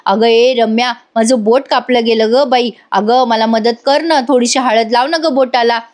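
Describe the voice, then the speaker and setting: An emotional, scheming mother from a TV serial, voiced by a woman retelling the plot. She pleads and protests in a lifted, higher voice. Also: fairly even intonation, moderate pace, darkish tone, natural voice. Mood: wailing. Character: scheming middle-aged mother, pleading and indignant.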